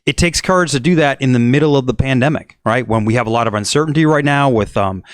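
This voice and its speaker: A man's voice: medium pitch, quick pace, dry recording, studio quality. A man co-hosting a podcast, asking long, earnest questions in a casual way. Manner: earnest, builds questions at length. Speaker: podcast co-host.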